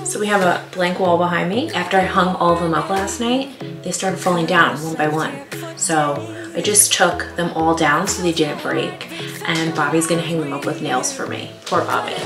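A woman's voice: lowish voice, moderate pace. Joking woman vlogging from her hallway. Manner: joking, playful. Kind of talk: casual home vlog chat. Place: hallway at home, indoors. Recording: echoey room, voice a bit far from the mic, loud music behind.

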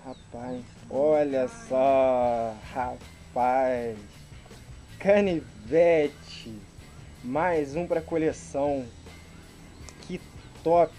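Faint music plays behind a mellow, mid-range male voice that speaks very slowly with frequent pauses. He's a Brazilian YouTuber in his thirties casually unboxing things in a rural garden, using slang and exclaiming appreciatively, filmed from a couple of meters away.

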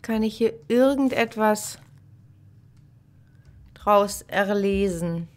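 A woman's voice: mid-range voice, very slow, a little mellow. A middle-aged woman playing a horror game, thinking aloud in casual commentary on a headset mic. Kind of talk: casual let's play commentary.

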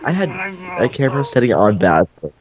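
Teasing young man with a lively voice. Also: mid-range voice, fairly quick, muffled recording. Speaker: gamer. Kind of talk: casual gaming chat.

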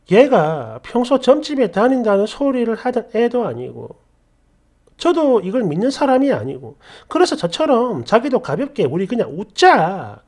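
A woman's voice: a little high, darkish tone. A woman narrating an online story in a chatty, indignant storytelling manner. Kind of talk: reading an online story aloud.

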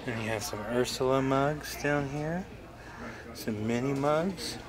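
A man's voice: medium pitch, a little slow, a crowd in the background. A man talking casually while filming a walk through a gift shop, pointing things out as he goes. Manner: chatty, points things out as he films. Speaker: vlogger.

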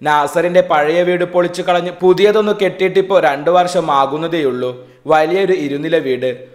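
A man's voice: on the high side, moderate pace. Man narrating a story in an echoey room. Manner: calm, steady reading.

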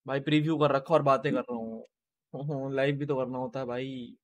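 Subdued Hindi-accented streamer chatting. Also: male voice, steady tone, normal speed. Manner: greets chat viewers by name, chatty; speaking low and subdued. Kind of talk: casual stream chat.

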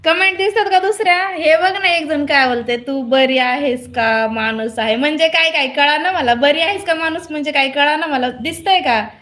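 A woman's voice: very high voice, brisk, sharp tone. A woman chatting casually on a phone live stream, reading comments aloud and laughing often.

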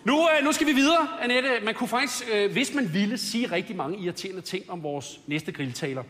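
A man's voice: high voice, animated, slight background noise. A man hosting a comedy roast on stage, firing off mocking jokes and introducing speakers. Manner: mocking, punchline delivery. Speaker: roast host. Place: TV studio stage with audience. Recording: long hall reverb, loud audience.

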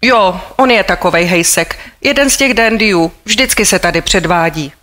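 A woman's voice: on the low side, a bit bright, lightly acted. Woman reading a bitter young housemaid. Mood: scornful. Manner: blunt colloquial speech, bitter. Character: desperate, hungry young working-class housemaid. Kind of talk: audiobook character voice.

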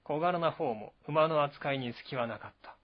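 A man reading a historical novel aloud at first sight, at a steady, even pace, with the odd slip and restart. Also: on the high side, moderate pace, lo-fi sound.

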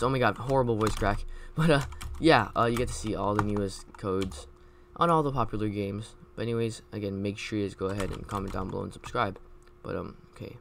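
A young man talking over his game in a casual commentary, looping the same plugs and fillers again and again. His voice sits a little low. Soft keyboard tapping and faint noise stay behind him. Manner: repetitive, fast promo patter with many fillers. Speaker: gaming YouTuber.

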